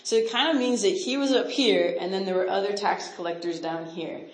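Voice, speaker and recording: A Canadian missionary speaker teaches a casual Bible lesson in a brisk, medium-pitched woman's voice. She quizzes her audience and chats along with many "like" and "right?" asides, and the recording has a roomy echo.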